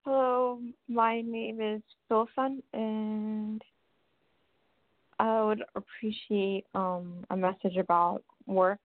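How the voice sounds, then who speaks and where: A woman calling in by phone to a radio show, hesitant and quiet, answering slowly and spelling out her name. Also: medium pitch, fairly even intonation, dry recording. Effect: phone line into a radio show. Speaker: caller. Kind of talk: call-in chat. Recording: tinny dry phone line.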